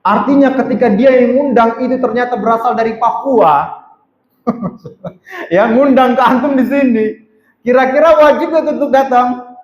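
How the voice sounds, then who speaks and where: Man, religious teacher, chatty lecture, high voice, roomy mosque echo. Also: a little slow, dull audio. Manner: conversational, keeps checking with the audience. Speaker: ustadz teaching a weekly study circle. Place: mosque hall. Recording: echoey mosque hall.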